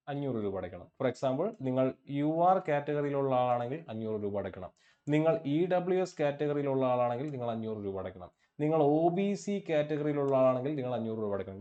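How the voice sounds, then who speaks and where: A man's voice: on the high side, warm tone. A man giving an exam-prep lesson, asking questions and answering them himself. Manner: asks and answers his own questions, repeats key points. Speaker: exam coaching teacher. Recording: dull lo-fi audio.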